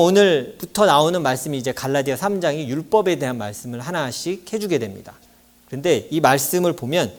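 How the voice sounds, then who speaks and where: Male pastor mid-sermon in church, high-ish voice with big swings, animated and emphatic. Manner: animated, acts out quoted lines with raised voice.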